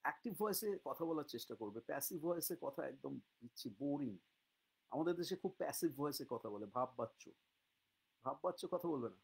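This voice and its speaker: A man with a Bengali accent giving a casual online English lesson, reading English examples slowly and spelling words out letter by letter, with frequent "ah" pauses. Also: on the high side, lively intonation, creaky, breathy edge, rough recording. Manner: frequent "ah" hesitations.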